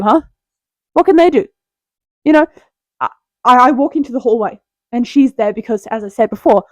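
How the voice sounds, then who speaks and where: A young woman hosting a casual, rambling tier list video, playful and quick to interrupt herself with jokes. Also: high voice, dry recording. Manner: playful, self-interrupting, jokey.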